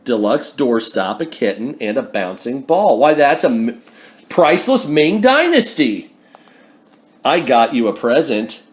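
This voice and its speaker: A man reading a humorous picture book aloud, slowly and deliberately, with wry little asides. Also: medium pitch. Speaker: book reader.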